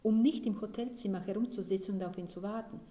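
A woman's voice: mid-range voice, fast talker, dark tone, lightly acted. A woman voicing a hesitant, uncertain young woman who is waiting, in a roomy recording. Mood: unsure.

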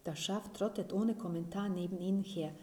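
A woman, the author, reading her own story aloud in a calm, measured way. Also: medium pitch. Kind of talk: literary reading. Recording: roomy reading recording.

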